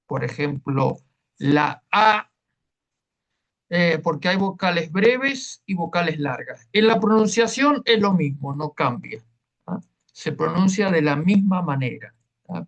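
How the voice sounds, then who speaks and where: A man's voice: a little high, vocal fry, fairly bright tone. A man teaching a Hebrew class online, explaining patiently and checking in with listeners as he goes.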